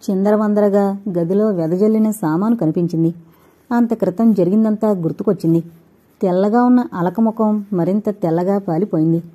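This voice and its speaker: A woman reading an audio novel in measured, expressive narration. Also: mid-range voice, breathy edge. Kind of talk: scripted narration.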